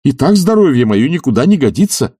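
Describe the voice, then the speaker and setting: A man's voice: mid-range voice, very animated, fairly quick, dark tone, husky, no echo, studio quality, voice pushed up. A man voicing an irritable idle nobleman who complains in exasperation. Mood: exasperated. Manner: peevish, exasperated.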